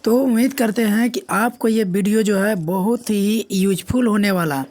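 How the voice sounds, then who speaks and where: A woman's voice: medium pitch, normal speed, darkish tone. A woman teacher giving an exam-prep grammar lesson, asking herself questions, answering them, repeating key points and checking in with students often.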